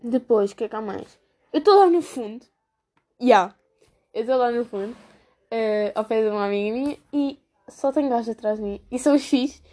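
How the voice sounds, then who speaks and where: A woman's voice: a little high, normal speed, warm tone. A teenage girl with a European Portuguese accent, chatting casually and gossiping about her class in a slangy way. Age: teens. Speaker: student vlogger. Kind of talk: casual chat.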